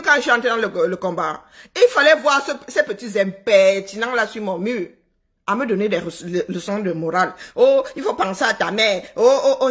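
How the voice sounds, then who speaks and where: A woman's voice: mid-range voice, a bit bright. A woman from Cameroon giving a sarcastic, scolding live-stream monologue to her viewers. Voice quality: self-described unpleasant voice. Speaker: social media commentator.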